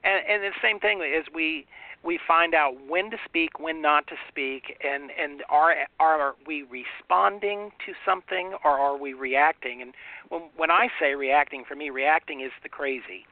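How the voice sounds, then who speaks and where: A man's voice: fairly high pitch, normal speed, dry recording. A man co-hosting a spiritual talk radio show, telling stories emphatically and animatedly, often saying "you know". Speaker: radio show co-host, ordained minister. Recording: tinny phone line, dry.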